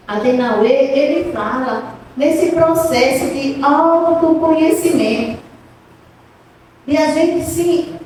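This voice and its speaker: A woman's voice: high-pitched, a little mellow. A woman giving a conversational spiritist talk, asking the audience questions as she goes. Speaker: spiritist lecturer. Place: spiritist center hall. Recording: echoey hall, distant mic, faint noise.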